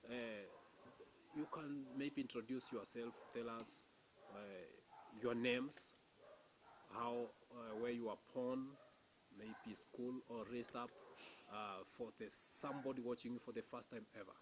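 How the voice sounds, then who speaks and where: A man hosting a testimony interview show, asking questions haltingly with many pauses and fillers and offering encouragement. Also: medium pitch, fairly even intonation, rough recording. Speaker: interview host. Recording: faint background noise.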